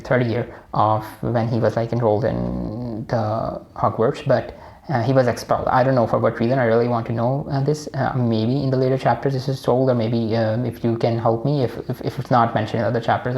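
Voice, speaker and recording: A man's voice: mid-range voice, level tone, a little fast, a little mellow. A man with a Pakistani accent hosting a casual personal book analysis, rambling with many fillers and restarts. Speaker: book discussion host.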